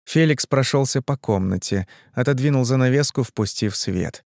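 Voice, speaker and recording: A man reading an audiobook, narrating in an even, measured way. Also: mid-range voice, no room sound, clean studio sound. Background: faint music.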